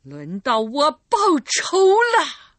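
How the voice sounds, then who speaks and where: Casting: woman doing an anguished recluse mother, high and swooping, storybook. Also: very animated, slow pace, breathy edge, no room sound, exaggerated voice. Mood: bitter vengeful. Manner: anguished, pleading, cries out. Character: grieving vengeful middle-aged recluse mother.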